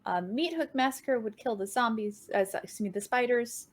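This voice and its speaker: A woman casting a card game match, giving play-by-play commentary with an upbeat manner and quick swings in pitch and tempo. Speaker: game caster.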